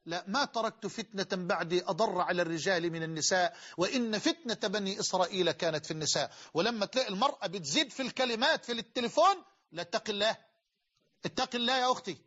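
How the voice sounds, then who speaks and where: High-pitched impassioned Egyptian preacher. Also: male voice, sharp tone, slightly rough. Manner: impassioned, emphatic. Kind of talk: sermon. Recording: dull lo-fi recording.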